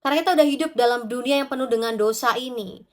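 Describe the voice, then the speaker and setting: High-voiced woman preaching a lively devotional sermon. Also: fast talker. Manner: animated, acts out little quoted prayers and voices.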